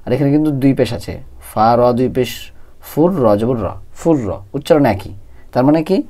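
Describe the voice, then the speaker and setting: A man teaching Quran reading. He spells out letters and vowel marks step by step, then recites the words slowly. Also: mid-range voice, warm tone.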